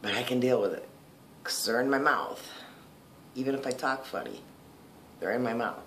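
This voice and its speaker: A man in a casual video diary, talking in a chatty, rambling way full of ums. His words come out slightly slurred, with lisping s's from newly fitted dentures. His voice sits at an ordinary middle pitch, with a faint hiss of noise behind him. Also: normal speed, a bit bright. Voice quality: slightly slurred, lispy speech from new dentures. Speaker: vlogger.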